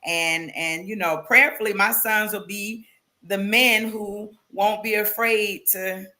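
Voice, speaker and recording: A woman's voice: medium pitch, steady tone, slow pace, bright, forceful tone. A woman talking as an interview guest, earnest and emphatic, with faith references. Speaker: guest, founder of a women's platform. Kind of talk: conversational interview.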